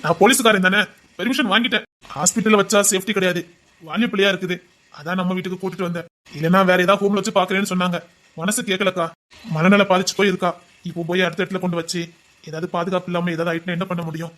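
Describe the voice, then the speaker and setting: A man acts out a dutiful village policeman. His voice stays soft and reassuring. He speaks with quiet, gentle care in a Tamil audio drama. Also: high-pitched, fairly even intonation, very fast. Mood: calm.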